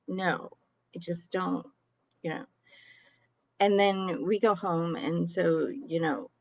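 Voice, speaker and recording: A woman's voice: on the low side, vocal fry, a little mellow, low-quality recording. A woman telling a story casually to her viewers, chatty and full of fillers and laughs. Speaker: sound healer and card reader.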